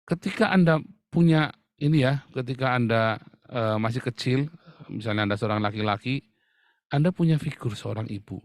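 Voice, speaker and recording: Recorded with clean, dry studio sound, this pastor preaches at a moderate pace with long pauses and a medium-pitched voice. He keeps addressing listeners as "Saudara," joking and laughing throughout the sermon.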